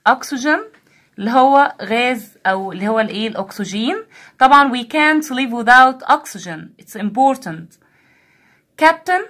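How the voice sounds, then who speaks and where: A woman teacher with an Egyptian Arabic accent, giving a recorded vocabulary lesson in English and Arabic. She repeats each word slowly and answers her own prompting questions. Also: fairly high pitch, fairly bright tone.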